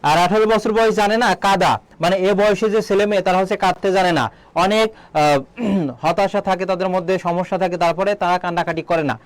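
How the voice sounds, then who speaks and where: High-voiced man tutoring, quizzing. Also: fairly even intonation, dry recording. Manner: quizzes students, then answers his own questions; repeats key words slowly. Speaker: admission exam tutor. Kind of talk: online exam-prep lesson.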